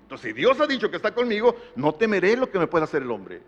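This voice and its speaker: Middle-aged male pastor, animated, higher-pitched sermon voice; dull recording in a reverberant church hall. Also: quick pace. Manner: tells a family anecdote, rising to emphatic repetition.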